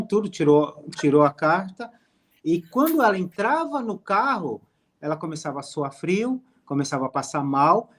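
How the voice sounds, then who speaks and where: A man, a hypnotherapist guest calmly explaining his work in an interview. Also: fairly high pitch. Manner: calm, explanatory storytelling. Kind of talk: interview conversation.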